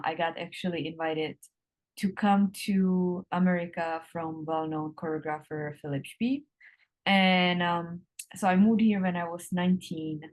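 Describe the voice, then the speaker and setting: A woman in her thirties from the Republic, a guest answering interview questions in an unhurried way with frequent ums and drawn-out words. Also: on the low side. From Czech Republic. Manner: hesitant, many ums, slowing and drawn out.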